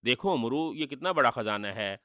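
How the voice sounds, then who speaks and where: A man's voice: medium pitch, lively intonation, normal speed, bright, forceful tone, clear, resonant tone, no echo, studio quality. A man voicing a boastful, cruel male sorcerer who taunts with spoken laughter, in a storybook reading. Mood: pleading, wheedling. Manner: gloating, taunting with read-out laughter.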